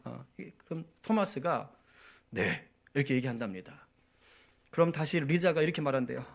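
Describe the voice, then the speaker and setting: A man's voice: on the high side, fairly quick, vocal fry. Storytelling male pastor preaching. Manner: storytelling, often asks the congregation for agreement. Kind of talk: sermon. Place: church prayer meeting.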